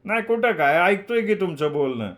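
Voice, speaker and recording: A man's voice: sits high, animated, moderate pace, fairly bright tone, voice pushed up. A man reading a novel aloud, voicing a shy, nervous young male student in a raised, hesitant voice. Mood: hesitant, eager.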